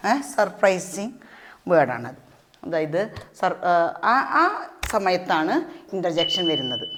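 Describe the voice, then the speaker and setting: A woman explaining a grammar lesson as a teacher, asking questions and answering them herself in an animated way. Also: fairly low pitch, takes it slowly, noisy background. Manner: animated, asks and answers her own questions. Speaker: English teacher.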